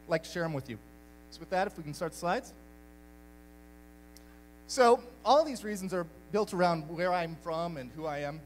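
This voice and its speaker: Upbeat high-voiced young man on stage. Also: moderate pace, pauses often, a little hiss or hum, poor audio. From Belgium. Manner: lively, jokey, addresses crowd directly. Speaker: speaker at a live community talk night. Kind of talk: upbeat live talk to an audience.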